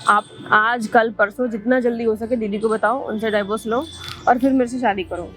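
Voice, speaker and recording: A scheming young sister-in-law, played by a woman, pushes her demands in a high, insistent voice. She turns to threats easily, in an amateur skit. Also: fairly even intonation, normal speed, fairly bright tone, soft background music, close to an everyday voice.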